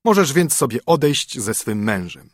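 A man voicing a proud, stern old king in a storybook reading, speaking firmly and loudly. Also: mid-range voice, big pitch swings, normal speed, dry recording, studio quality. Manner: firm and commanding.

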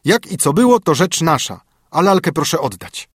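A blustering old nanny, played by a man, pitched up and loud, hurling harsh accusations. Her voice is husky and the sound is close and dry. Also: sing-song, moderate pace, no room sound. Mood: indignant.

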